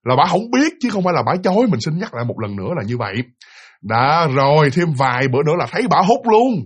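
A man's voice: on the high side, big pitch swings, quick pace, slightly rough. A man telling a ghost story in a chatty way, speaking straight to his listeners. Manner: chatty, addresses listeners directly. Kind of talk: casual spoken ghost story.

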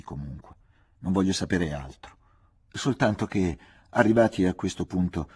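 A man voicing a cool, guarded young woman who speaks softly and wryly, lifting his pitch for her. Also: husky, full character voice. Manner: soft-spoken, low, wry.

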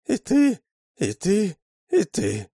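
Мужчина в роли пьяной горластой Люси. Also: male voice, high voice, wildly swooping pitch, takes it slowly, breathy edge, no room sound, clean studio sound, voice pushed up, full character voice. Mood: drunken prophetic. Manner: slurred drunken shouting. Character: drunken loud female convict woman.

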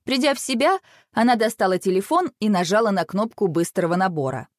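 A woman reading a children's storybook aloud in an expressive, animated way. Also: mid-range voice, brisk, no room sound, clean studio sound.

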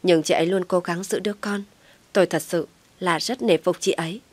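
A woman doing a hospital nurse, plain-spoken and blunt, in a low voice. She states things flatly, and the sound is close and dry. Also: fairly quick, no echo, close to an everyday voice. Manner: blunt, matter-of-fact.

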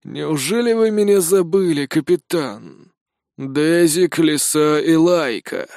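A man doing a hoarse, formal old gentleman. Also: a little high, animated, no echo, clean studio sound, heavily acted. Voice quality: slightly hoarse. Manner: unhurried, formal. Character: mysterious grey-haired old gentleman, calm and formal.

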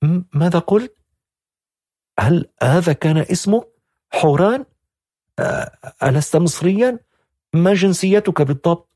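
A stammering, tearful young woman, sharp and pleading, as a male storyteller puts her on. The voice sits far above his own, with a very husky, breathy edge. The recording is bone dry. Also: on the high side, a little fast, no room sound, voice pushed up. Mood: shocked.

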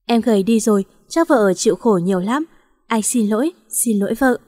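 A woman voicing a gravely ill young husband who talks with sorrow and pleads. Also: on the high side, lively intonation, moderate pace, a little mellow, clean studio sound. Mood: tender. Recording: long hall reverb.

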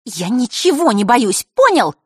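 Sly scheming teen girl, a woman reading her, high sing-song taunts, very lively, dry close sound. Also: unhurried, husky, no echo, full character voice. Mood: mocking. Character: sly mocking teenage girl, sweetly scheming archer. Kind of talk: audiobook character reading.

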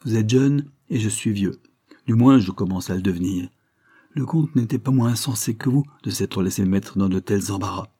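A man's voice: lowish voice, moderate pace, mellow, husky. A man reading aloud, voicing a blunt, blustering aging judge in a storybook. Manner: blunt, exclaiming.

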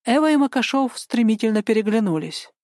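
A woman narrating an audiobook in an even, steady storytelling manner. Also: a little high, fairly quick, no echo, studio quality. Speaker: audiobook reader. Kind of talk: scripted narration.

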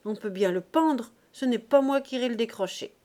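A woman voicing a hot-tempered young market fishwife who bursts out in shrill, indignant tirades. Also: measured pace, dark tone, lightly acted. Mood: scornful. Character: fiery young woman fishmonger, quick to rage.

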